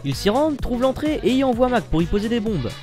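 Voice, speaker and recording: A man from France narrating a comedy recap, slangy and full of jokes. His voice is high and lively and swings around a lot. Background music plays faintly under it. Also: brisk. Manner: jokey, slangy, animated. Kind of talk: fast comic recap narration.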